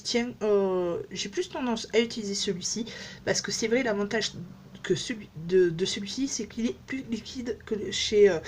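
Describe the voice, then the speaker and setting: Woman beauty vlogger, chatty, rambling, self-mocking, mid-pitched voice, faint hiss behind. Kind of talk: casual makeup demo chat. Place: at home.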